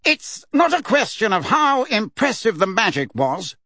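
Reading aloud, a man raises his voice well above its natural pitch to play a pompous, middle-aged official who speaks in a testy, fussy manner. The delivery is exaggerated and high, with big pitch swings, a moderate pace and a slightly bright tone. The recording is clean studio sound with no room echo.

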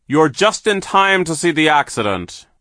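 A man reading an audiobook, voicing a sneering villainous factory foreman who talks slowly and mockingly. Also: on the high side, very animated, sharp tone, no room sound, studio quality, voice pushed up. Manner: slow, mocking, drawn-out. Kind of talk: audiobook character voice.

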